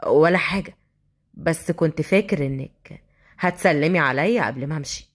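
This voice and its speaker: A woman voicing a brooding young male street thug with an Egyptian accent, speaking slowly and in a hushed, menacing way. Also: deep voice, animated, pitched below the performer's own voice.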